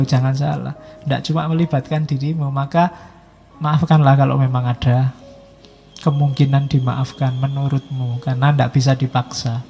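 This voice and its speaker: A man's voice: a little high, a little mellow. A middle-aged man giving a public lecture, talking in a conversational, teasing way and stretching out words for emphasis. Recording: echoey hall with faint music.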